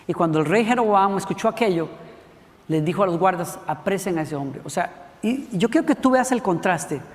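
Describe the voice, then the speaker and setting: High-voiced pastor preaching in a reverberant church. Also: male voice, a little fast. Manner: animated storytelling, acting out voices of biblical figures. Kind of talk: sermon. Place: church sanctuary.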